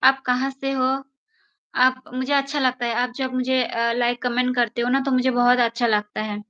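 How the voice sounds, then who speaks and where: A woman's voice: high voice, flat delivery, moderate pace, a bit bright, no echo, lo-fi sound. A young woman chatting casually on a live stream, coaxing and pleading with viewers in a playful way.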